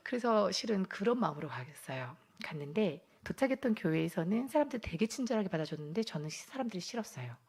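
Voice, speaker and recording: Lively, husky woman giving a church testimony. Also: medium pitch, fast, hardly any pauses. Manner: lively storytelling, laughing often, acting out her own past thoughts. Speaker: testimony speaker. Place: church gathering.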